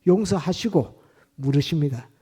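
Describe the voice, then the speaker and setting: A man's voice: a little high, animated, moderate pace, warm tone, breathy edge. A man preaching a sermon in church as pastor, retelling scripture scenes vivdly and repeating his points with emphasis.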